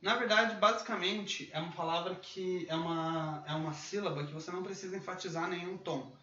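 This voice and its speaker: A man with a fairly high voice teaches Mandarin greetings in a relaxed video lesson, checking in often and stretching out sample syllables to show the tones. He sits back from the microphone in an echoey room. The sound is dull and lo-fi with a faint hiss behind it. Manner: explains patiently, often checks in with "né?"; drawls out model syllables slowly and higher when demonstrating tones. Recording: roomy, dull lo-fi sound from a distance with faint background noise.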